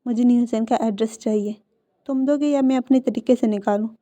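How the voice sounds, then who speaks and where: A woman voicing a possessive young man who talks low, quiet and intense. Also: steady tone, fairly quick, close to an everyday voice. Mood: pleading. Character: possessive young man, soft then threatening.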